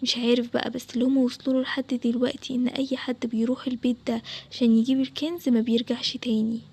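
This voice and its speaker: Bold young Egyptian boy, a woman voicing, high, fast and sure of himself, cartoon story. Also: flat delivery, slightly rough. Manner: confident, reassuring, hushed at times. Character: bold young boy Adam, daring treasure hunter.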